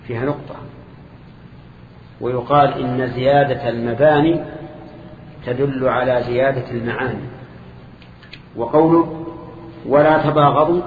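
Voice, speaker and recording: An older man explains a text slowly to a circle of students. He sounds roomy, with a long hall reverb. The recording is dull, old-tape lo-fi, with a light hiss behind him. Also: medium pitch. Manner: measured explanations with questions to the class. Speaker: sheikh teaching a hadith lesson. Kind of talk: classical lesson commentary with students.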